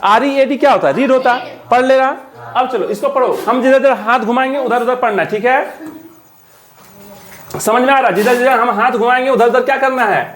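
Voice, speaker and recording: A woman teaching an English reading lesson, spelling words letter by letter and drilling pupils with repeated questions. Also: fairly high pitch. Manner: drills students with repeated call-and-response questions; reads English slowly word by word. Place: classroom. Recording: noisy classroom crowd. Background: class of children responding.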